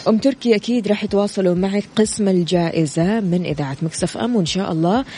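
A woman hosting a radio contest and call-in show in an upbeat, chatty way, greeting listeners warmly. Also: medium pitch, very fast, music in the background.

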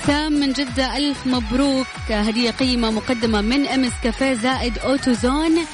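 A woman hosts a radio quiz in an informal, chatty way, announcing and congratulating winners. Her voice sits fairly high and she speaks at a rapid clip over loud music. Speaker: radio quiz show host. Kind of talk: live radio contest hosting, congratulating winners.

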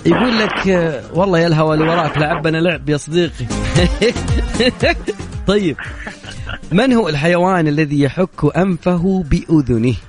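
A man's voice: fairly high pitch, expressive, moderate pace, pauses often. A man with a Saudi accent hosting a radio call-in quiz, teasing and bantering with callers. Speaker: radio game show host. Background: music.

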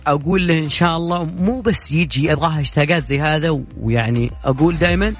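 A young man with a Saudi Gulf Arabic accent hosts a casual late-night radio call-in show, chatty and joking as he reads listener messages aloud. His voice is a little high and quick, heard over music through a studio microphone in a radio studio.

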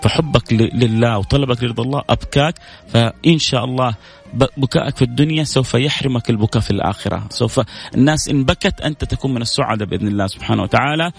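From a radio studio, a man with a gravelly mid-range voice talks rapid-fire as he hosts a call-in show. Over a studio microphone he warmly reads listeners' messages aloud and responds to them with prayers and blessings.

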